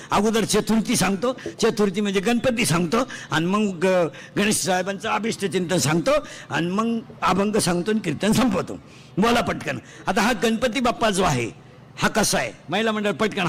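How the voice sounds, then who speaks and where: A man with a high voice delivers a comic kirtan sermon. He quizzes the crowd in rapid call-and-response and mixes in teasing jokes. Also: lively intonation, fairly bright tone. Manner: joking, teasing asides between chanted lists. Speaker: kirtan preacher.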